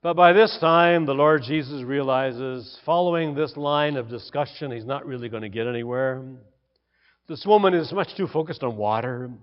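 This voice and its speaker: A man's voice: mid-range voice, normal speed. A man preaching an expository sermon, swinging dramatically from emphatic declarations to near whispers. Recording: reverberant hall, dull lo-fi sound.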